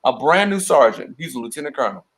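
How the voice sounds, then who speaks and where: A young man co-hosting a casual talk show, telling a story and acting out quotes with big jumps in his voice. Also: quick pace. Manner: animated, acts out quotes with big pitch jumps. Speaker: podcast co-host.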